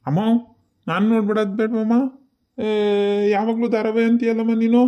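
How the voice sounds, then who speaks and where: A man's voice: high-pitched, level tone, brisk, lo-fi sound, pitched above the performer's own voice, lightly acted. A man voicing a stubborn, lazy college-age son in a cartoon, talking back sulkily. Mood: defiant. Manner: defiant, sulky backtalk.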